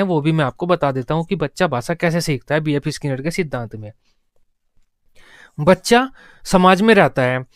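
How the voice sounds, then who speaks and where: A man's voice: a little high, smooth, dry recording, studio quality. A man teaching an exam-prep lesson, repeating key terms and asking and answering his own questions. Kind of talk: classroom lecture.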